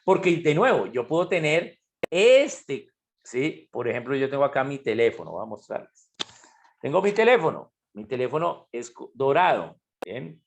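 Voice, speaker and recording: Over a computer mic on a video call, a man teaches an online chemistry class, walking through each step and often checking that his students follow. His mid-range voice is very animated and gravelly at a moderate pace, with a faint hiss or hum.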